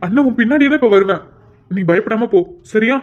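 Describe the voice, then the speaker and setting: A man voicing a gentle, protective older brother who soothes his tearful sister in a cartoon. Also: high-pitched, lively intonation, a little fast, lo-fi sound. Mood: soothing. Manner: soothing, reassuring. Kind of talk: Tamil cartoon voice acting.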